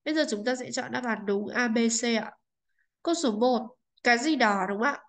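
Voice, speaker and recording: A woman teaching an English textbook lesson, with a slightly high voice. She speaks politely and keeps checking that her students follow with little tag questions. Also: brisk, low-quality recording.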